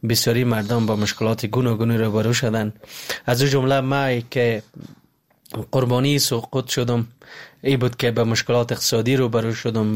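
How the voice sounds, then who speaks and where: Troubled Afghan man calling a radio show. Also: medium pitch. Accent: Afghan Dari. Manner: earnest, troubled, confessional. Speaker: caller.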